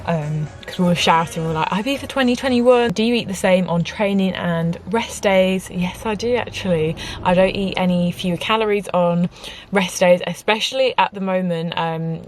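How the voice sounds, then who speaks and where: A woman's voice: fairly low pitch, moderate pace, slight background noise. A woman in her twenties chatting casually through a Q and A from inside her car, bubbly and full of "like". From United Kingdom. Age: 20s. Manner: chatty, bubbly, peppers talk with "like". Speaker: vlogger. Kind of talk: casual chat, Q and A.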